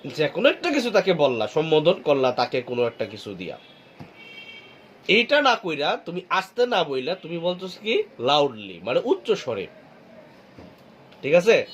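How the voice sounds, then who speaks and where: A man's voice: on the high side, big pitch swings, dull audio, a little hiss or hum. Bangladeshi man teaching, quizzing students. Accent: Bangladeshi Bengali. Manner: slow, repeats words and quizzes students. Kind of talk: class lecture.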